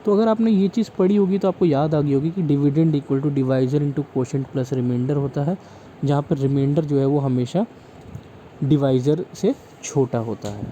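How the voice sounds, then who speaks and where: A man's voice: a little high, measured pace, warm tone, a little hiss or hum, rough recording. A man teaching a math lesson, explaining step by step and checking in often with the class.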